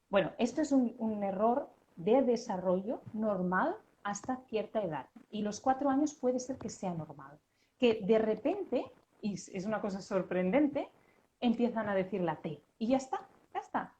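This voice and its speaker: Woman speech therapist, calm teaching tone, dull online-call sound. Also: on the high side, normal speed, slight background noise. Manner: patient, explains with sound examples. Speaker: child speech therapist and linguist. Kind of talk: explanatory conversation.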